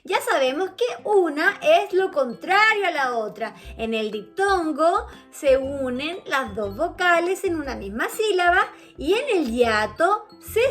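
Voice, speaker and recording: A young woman teaches a lesson to children in a high, bouncing voice that climbs and dips. She speaks slowly and patiently, stretching out each key word. Soft children's music plays faintly behind her. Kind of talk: online grammar lesson for children.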